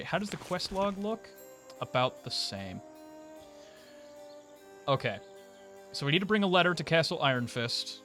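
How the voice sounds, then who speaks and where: A man's voice: a little high, fairly bright tone. A man giving sarcastic, joking commentary as he plays a game live. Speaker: streamer.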